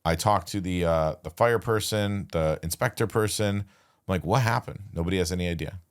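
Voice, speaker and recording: A man, a podcast guest, telling a personal story in a casual, halting way, acting out bits of dialogue. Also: low-pitched, smooth. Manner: relaxed, halting retelling with restarts and quoted dialogue.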